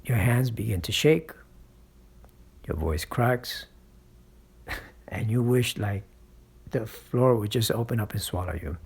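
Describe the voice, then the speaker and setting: A man's voice: lowish voice, normal speed, gravelly, breathy edge. A man hosting his own channel, giving motivational public-speaking advice and often checking in with the listener. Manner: coaching, checks in with frequent "right?" and "okay?"; speaks from experience, encouraging. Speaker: channel host and speaking coach.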